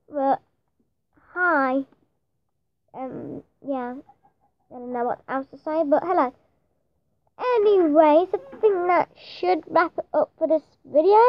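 A woman's voice: high voice, dry recording. A woman hosting casual gameplay commentary, hesitant and rambling as she wonders what to say next. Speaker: gameplay channel host. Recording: dull lo-fi dry sound.

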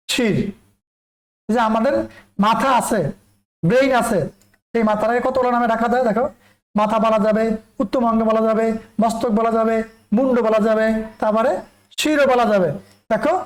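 A teacher from Bangladesh giving a recorded lesson to students. Slowly repeats lists of words and asks questions that he then answers himself. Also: mid-range voice, echoey room, rough recording.

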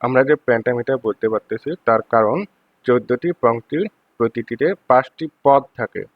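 A man with a Bangladeshi accent giving a lecture, reading English phrases slowly and then explaining them more quickly. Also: medium pitch, no echo. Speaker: teacher. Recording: dull lo-fi dry recording.

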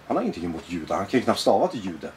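A man being interviewed as a guest, talking in a blunt, animated, profane way. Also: low-pitched, slight background noise. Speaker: guest, former extremist. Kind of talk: personal interview conversation.

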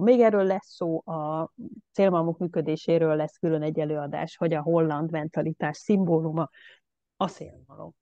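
A woman giving a casual online lecture, chatty and animated, with many fillers. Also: lowish voice, no echo. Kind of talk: online presentation. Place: at home. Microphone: video call. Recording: dull lo-fi video call audio.

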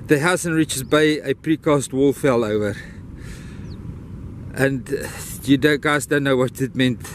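A South African vlogger with Afrikaans-accented English narrates casually while walking his dog along a beach and a wooden boardwalk trail. He rambles and sounds grateful, his voice medium in pitch with slight background noise.

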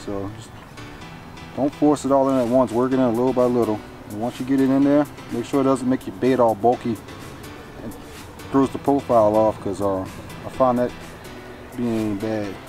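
A man's voice: medium pitch, steady tone, normal speed, dark tone, faint music behind, rough recording. A middle-aged man, a fishing guide, explaining lure tricks in an easygoing, folksy way while fishing on a bayou bank. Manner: easygoing, folksy, explains step by step, calls people cuz and brother. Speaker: fishing guide and guest angler. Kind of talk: casual how-to talk while fishing. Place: outdoors on a wooded bayou bank. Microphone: camera mic from a few feet away.

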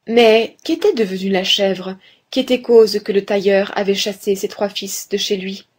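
A woman reading a fairy tale aloud in a calm storybook manner, now and then speaking straight to the reader. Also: mid-range voice, moderate pace. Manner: calm, clear storybook narration, addresses the reader.

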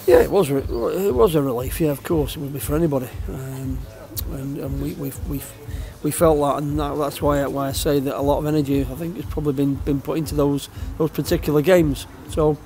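Older male football manager, post-match chat; warm, slightly high voice, halting delivery. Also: a little hiss or hum. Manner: halting, repeats words, plain-spoken. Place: empty outdoor stadium stand.

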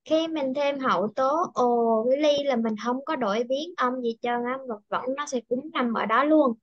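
Over a video call, a woman with a high voice teaches English pronunciation in an online class, patiently modeling each word slowly and clearly. There's no room sound, and the high frequencies are cut off.

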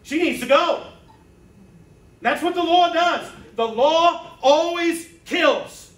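High, bright-voiced preacher in an echoey church. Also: male voice, slow pace. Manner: conversational preaching with rhetorical asides. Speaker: pastor. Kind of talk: sermon. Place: church sanctuary. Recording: echoey church sanctuary from a distance.

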